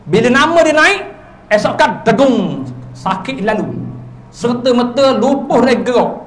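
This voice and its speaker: A man with a Terengganu Malay accent giving an evening lecture as a religious teacher in a village prayer hall, telling stories with sudden swings between loud and soft. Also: a little slow. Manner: lively storytelling with sudden swings in pitch and loudness.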